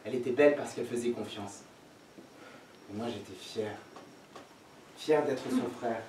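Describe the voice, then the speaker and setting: A defiant, idealistic teenage son, played by a young man on stage, scornful toward his mother and quick to burst into shouts. His voice sits very high for a man. It echoes heavily around a hall, picked up from far away over a faint hiss. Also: animated. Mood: wistful. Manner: mocking and passionate, bursts into shouts. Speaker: actor. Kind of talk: stage play performance. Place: theater stage.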